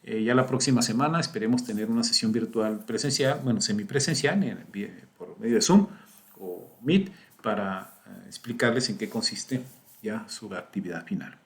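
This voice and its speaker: A man's voice: on the low side, normal speed, vocal fry. A middle-aged man, teaching a recorded screen-share statistics lesson. He explains patiently step by step and keeps checking in with his students.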